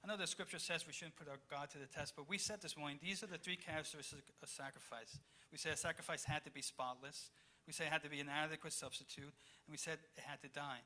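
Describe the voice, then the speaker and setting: Bright-voiced man preaching a sermon. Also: fairly high pitch, fairly even intonation, quick pace. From Chile. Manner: reads scripture aloud then explains it, swings between loud and hushed. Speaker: pastor.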